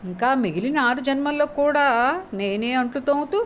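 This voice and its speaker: A woman's voice: high voice, lively intonation, fairly quick, slight background noise. A woman voicing a sweet-talking, teasing young wife in a spoken story, her tone sugary and mock-pleading. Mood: coaxing, pleading.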